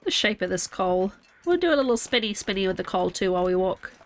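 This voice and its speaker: Here the stuffy-nosed young woman talks fast in a sing-song, medium-pitched voice. It's casual live gameplay chat from her home as she thinks through the game aloud.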